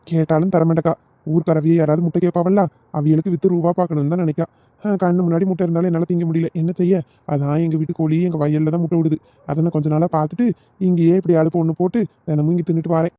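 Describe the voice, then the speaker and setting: A man's voice: fairly high pitch, little pitch movement, rapid-fire, mellow, no echo, close to an everyday voice. A man doing a sheepish henpecked village husband. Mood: confiding. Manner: sheepish, pleading. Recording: dull lo-fi recording.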